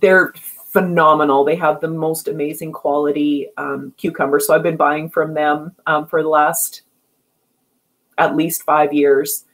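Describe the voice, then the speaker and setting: A woman guest in a casual interview, telling stories in a chatty, animated way and laughing often. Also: sits low, measured pace, low-quality recording. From Canada.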